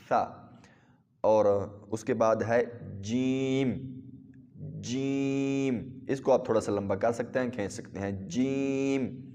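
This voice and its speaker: A man teaching a recorded Qaidah lesson, explaining step by step with pauses and drawing out letters as models. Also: lowish voice, a little mellow, in a large hall. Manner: drawn-out model pronunciation of letters. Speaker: Quran teacher.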